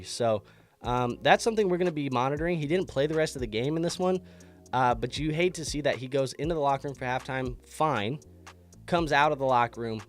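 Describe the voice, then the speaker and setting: On his fantasy football show, a man with a mid-range voice chats through an informal sports recap despite sounding congested from illness. His delivery is relaxed and talkative, punctuated by many restarts.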